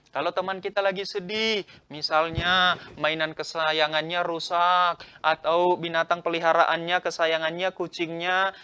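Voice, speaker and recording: A young man teaching a Sunday school lesson to kids in an animated way, tossing questions at them and answering them himself. His voice sits high and bright, and the sound is close and dry. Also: clear, resonant tone, no room sound. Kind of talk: lively children's Bible lesson.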